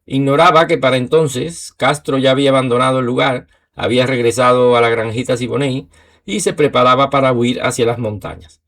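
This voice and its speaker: A man narrating a history documentary in a measured, steady way. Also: mid-range voice.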